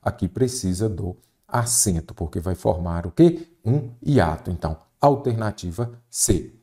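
A man's voice: deep voice, animated, a little slow, mellow. A teacher working through exam questions step by step, asking and answering his own questions. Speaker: Portuguese teacher. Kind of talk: exam prep lesson.

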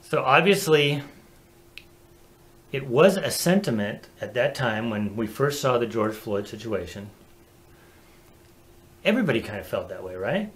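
Chatty, animated man co-hosting a talk show. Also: mid-range voice, unhurried, pauses often, noisy background. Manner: animated, chatty, laughs easily. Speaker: co-host. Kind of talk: casual chat.

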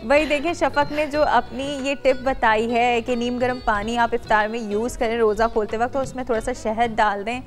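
A woman's voice: fairly high pitch, fairly even intonation, normal speed, few pauses, soft background music. A woman in her thirties hosting a TV cooking show from a studio kitchen, chatty and talking straight to the viewers. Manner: chatty, addresses viewers directly, many affirming hums. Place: bright studio kitchen set.

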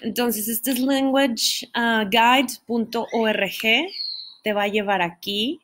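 A woman's voice: fairly high pitch, fairly even intonation, slow, a bit bright. Woman, patient explanatory teacher, keeps checking in with the class. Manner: explanatory, checks in with listeners often. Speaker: English teacher. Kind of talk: online pronunciation lesson.

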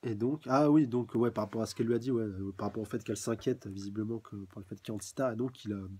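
A man's voice: fairly low pitch, quick pace, a little mellow, husky. A young man doing a casual live review of a manga, talking hesitantly with many restarts.

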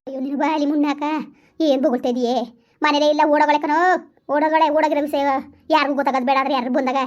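Brief: woman doing a high, fast-scolding village mother in a comedy skit. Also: fairly even intonation, close to an everyday voice. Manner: loud lamenting and scolding. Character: wailing, cursing village mother, middle-aged woman. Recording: dull lo-fi recording.

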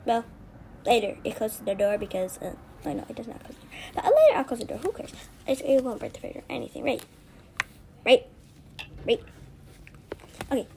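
A woman's voice: on the high side, normal speed, vocal fry, pauses often, darkish tone, slight background noise. A woman narrating doll play in a home video, rambling and shrugging things off as she goes. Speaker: video creator.

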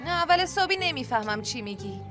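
An actress dubbing a weary young woman raising her siblings in a TV drama, brisk and impatient. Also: sits high, animated, music in the background. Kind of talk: Persian dub of a TV drama.

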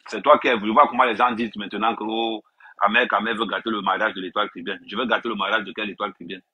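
A man's voice: lowish voice, fairly even intonation, rapid-fire, breathy edge, lo-fi sound. A man ranting to viewers on a live stream, repeating himself and addressing them directly, filmed on a tablet indoors. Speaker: social media personality on a live stream.

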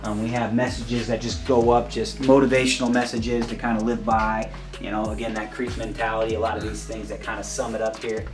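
A man's voice: fairly low pitch, level tone, over music. A man, a college wrestling coach, giving a casual tour of his facility and filling his talk with "you know" and "um". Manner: rambling, fills every pause with "you know" and "um".

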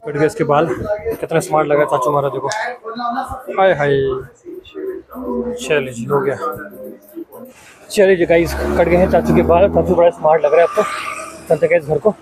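A man's voice: fairly high pitch, level tone, fast talker, over music. A young man talking casually to his viewers as a vlogger, chatty and friendly with the camera. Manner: chatty, addresses viewers as guys. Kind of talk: casual vlog chat.

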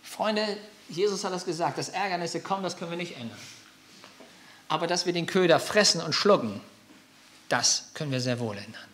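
A male pastor preaching a sermon and leading prayer, fervent, repeating phrases, calling out hallelujah and putting quick questions straight to his listeners. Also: a little high, lively intonation, fairly bright tone, a little hiss or hum.

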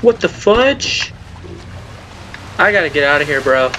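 A man's voice: a little high, unhurried, slight background noise. Jumpy young man narrating a horror game. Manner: jumpy, excitable, yelps when startled. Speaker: gameplay video host. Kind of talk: casual gameplay commentary. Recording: game sound under the voice. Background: horror game ambience.

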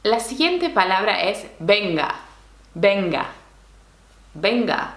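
Speaking with a medium pitch that swings widely and sounds a bit bright, a woman explains Spanish slang in a reverberant space. She goes slowly, regularly tossing in small check-in questions such as "¿no?" and "¿sí?".

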